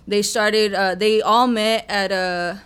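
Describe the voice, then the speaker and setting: A young Mexican woman who raps appears as a guest in a podcast studio, chatting casually. She speaks earnestly and humbly, often repeating her words, in a smooth, steady, fairly bright voice of medium pitch, and she takes her time.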